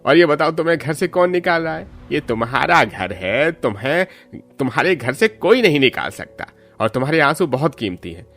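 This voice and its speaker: A man's voice: on the high side, big pitch swings, normal speed, fairly bright tone, soft background music. Man voicing a kind father-in-law. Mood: reassuring. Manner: soothing, reassuring. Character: kind middle-aged father-in-law, gentle.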